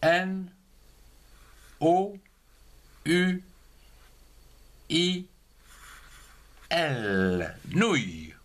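A man giving a slow handwriting lesson for young children, spelling words letter by letter and syllable by syllable. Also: a little high, very animated, a bit bright, slight background noise. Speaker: teacher.

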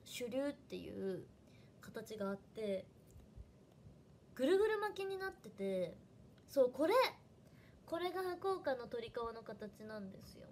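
A woman's voice: on the high side, sing-song, unhurried, long pauses, warm tone, slight background noise. A young woman with a Hiroshima dialect, chatting casually on a livestream and thanking viewers by name. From Fukuoka, Japan. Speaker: idol trainee livestreamer.

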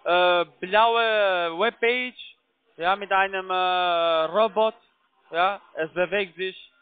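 A high-pitched man with a clear, resonant tone speaks slowly and fairly evenly over a tinny, narrowband phone line, his German foreign-accented and not his first language. Posing as IT support for a call center, he talks the caller through things step by step, repeating himself and checking in with tag questions.

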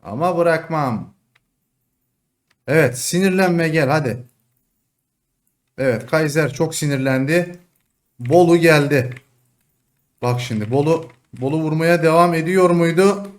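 Excitable young gamer man, taunting and shouting. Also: a little slow, pauses often. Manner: excitable, shouts and taunts opponents, then drops to low mutters. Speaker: gaming streamer. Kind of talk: live gameplay commentary.

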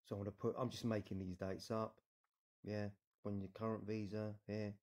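A British immigration adviser from the United Kingdom records his screen as he casually walks through an online form. His voice sits on the low side, slightly mellow with little pitch movement and normal speed, and he sounds reassuring, often tacking on "yeah?".

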